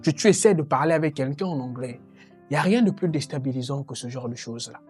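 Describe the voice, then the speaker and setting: Woman, very low voice, English teacher, direct and encouraging, faint music under. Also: fast talker, darkish tone, breathy edge. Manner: direct, encouraging, addresses viewer as tu. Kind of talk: online English lesson.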